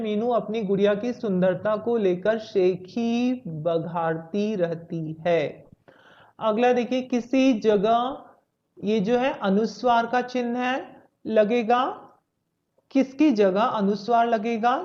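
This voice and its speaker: A woman's voice: medium pitch, a little mellow. Woman teacher, patient step-by-step children's lesson, everyday mid-range voice, muffled home recording. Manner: patient, explains step by step, mixes in English words. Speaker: Hindi teacher. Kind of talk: textbook lesson for young children. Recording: slightly dull lo-fi audio.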